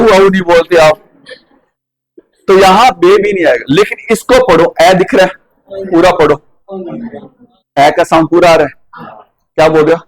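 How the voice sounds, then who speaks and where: A man teaching a classroom lesson, with a rather high voice and a Rajasthani Hindi accent. He keeps quizzing the students and repeats sounds for them to copy. He corrects how they say each sound. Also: rough recording. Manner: quizzing and drilling pronunciation.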